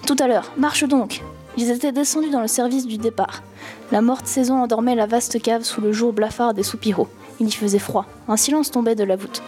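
Brief: woman reader, measured and calm, mellow high voice, faint music behind. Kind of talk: reading a novel aloud with commentary.

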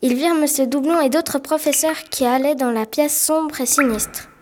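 A woman's voice: high-pitched, moderate pace, background noise. A woman narrating a story in a plain amateur reading, with small slips.

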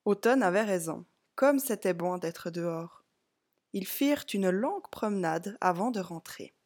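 A woman reads a children's picture book aloud in a calm, clear storytelling voice at an ordinary middle pitch for a woman. She goes slowly and gently, speaking to a young listener.

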